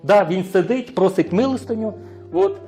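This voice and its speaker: A male preacher with a high-pitched voice delivers a sermon, putting rhetorical questions to his listeners and checking in with a quick "right?". Soft music plays faintly behind him. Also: animated. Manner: frequent rhetorical questions to the congregation; tags sentences with a questioning "right?".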